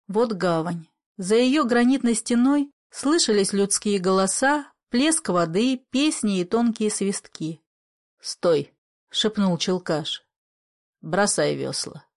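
A woman narrating a classic story aloud with measured, expressive storytelling. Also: medium pitch. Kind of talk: reading classic literature aloud.

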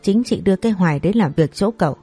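A woman voicing a blunt, excitable older sister who scolds and exclaims. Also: mid-range voice, fast talker, breathy edge, dry recording. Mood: scolding.

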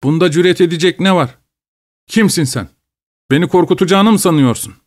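A man's voice: on the high side, a little fast, voice pushed up, natural voice. A man doing a cheeky, stubborn peasant. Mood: defiant. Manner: defiant, mocking.

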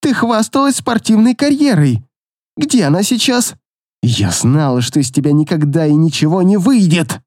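A spiteful middle-aged mother spits scorn and climbs into shrill, accusing cries, as a male narrator puts her on. Her pitch leaps around wildly, the tone mellow underneath, recorded close and dry. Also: big pitch swings, slow, dry recording. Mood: scornful. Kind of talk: audiobook character voice.

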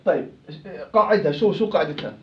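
A man's voice: fairly high pitch, animated, fast, reverberant, dull audio, a little hiss or hum. A man with a Levantine Arabic accent teaching Quran recitation rules in an interactive class, questioning and prompting his students.

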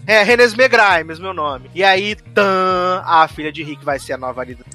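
A Brazilian man co-hosting a podcast, giving an animated, mocking recap of a TV episode in casual chat. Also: high-pitched, a little slow, soft background music. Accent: Brazilian Portuguese. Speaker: podcast co-host.

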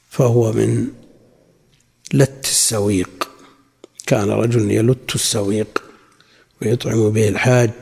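A man teaching a religious lesson, reading quotations from classical sources and then explaining them in a measured way. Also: mid-range voice, vocal fry, a little mellow, slightly rough. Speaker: Islamic scholar teaching a lesson. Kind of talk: lecture explaining a classical text. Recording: long hall reverb.

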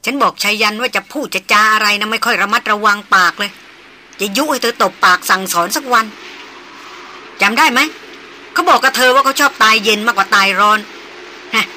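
A woman reading an audiobook voices a spirited, sharp-tongued young woman who scolds and teases her companions. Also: medium pitch, slight background noise. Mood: teasing. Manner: scolding, quick retorts.

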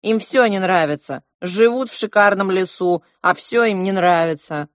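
A woman voicing a spoiled, capricious young prince who is bossy and excitable. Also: medium pitch, moderate pace, dry recording, clean studio sound, natural voice.

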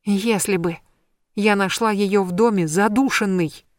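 A woman's voice: medium pitch, unhurried, dry recording, studio quality, natural voice. A woman voicing a frightened young heroine who stammers and speaks agitatedly. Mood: consoling. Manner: stammering, agitated, shouting and whispering.

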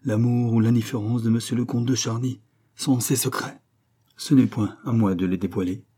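A proud young lady-in-waiting who answers a queen coldly and with bitter restraint, as a man voices her in an audiobook. The voice is dark and mellow, with a husky edge. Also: mid-range voice, steady tone, normal speed, lightly acted. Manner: cold, restrained replies. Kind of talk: audiobook character reading.

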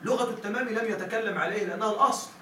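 A man with a high, bright and forceful voice teaches a grammar class. He keeps asking his students if they follow him and stretches out the lines he quotes. He sounds set back from the mic in an echoey room with a faint hiss. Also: recorded from a distance. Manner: repeatedly checks students follow, quotes verses with stretched slow emphasis. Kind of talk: classroom lesson.

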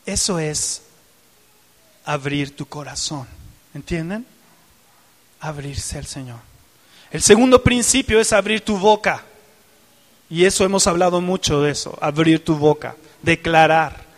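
High, animated man preaching. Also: measured pace, long pauses, in a large hall. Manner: animated, dramatic, acts out crying and joyful prayer. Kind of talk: sermon.

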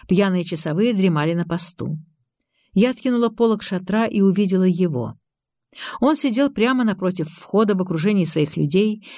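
A woman reading a novel aloud as an audiobook narrator, in calm, measured scripted narration. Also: fairly low pitch, no room sound, clean studio sound.

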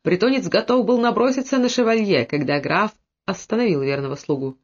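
Man, audiobook narration, fairly high voice, dull lo-fi sound. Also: brisk, breathy edge. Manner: steady storytelling, lowers voice for characters' quoted lines. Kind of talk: scripted narration.

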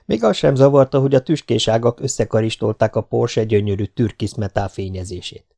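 Dark-voiced man reading a novel. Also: on the low side, gravelly. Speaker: audiobook narrator.

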